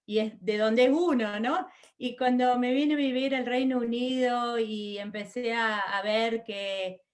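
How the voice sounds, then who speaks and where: A middle-aged woman from Argentina with an Argentine accent, chatting as an interview guest with many fillers and restarts. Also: mid-range voice. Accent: Argentine Spanish. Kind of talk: conversational interview.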